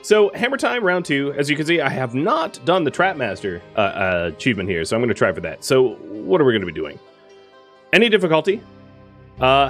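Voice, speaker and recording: A man's voice: fairly high pitch, fairly bright tone. A man streaming a game live, chatting casually in a rambling way and often correcting himself.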